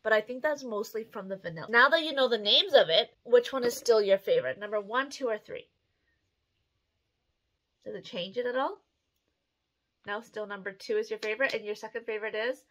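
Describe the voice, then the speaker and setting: A woman's voice: fairly high pitch, brisk, pauses often. A woman chats casually and expressively to the camera in a small room at home. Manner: chatty, expressive. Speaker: host of a candle review video, mother.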